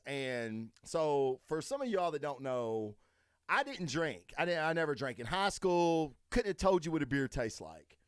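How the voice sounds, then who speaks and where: A man's voice: on the high side, smooth, no echo, studio quality. A man, hosting a solo podcast and rambling through profane stories while answering his live chat. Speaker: podcast host.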